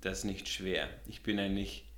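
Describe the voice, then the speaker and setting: Low-voiced man, American-tinged Austrian accent. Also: steady tone, moderate pace, a bit bright, echoey room. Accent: American-tinged Austrian German. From Austria and the USA. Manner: easygoing, repeats words, laughs often. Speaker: guest, visual artist. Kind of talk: relaxed interview conversation.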